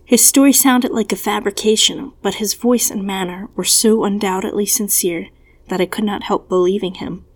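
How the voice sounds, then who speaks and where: A woman's voice: mid-range voice, fairly even intonation, moderate pace. Woman reading an old-fashioned story. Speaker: narrator.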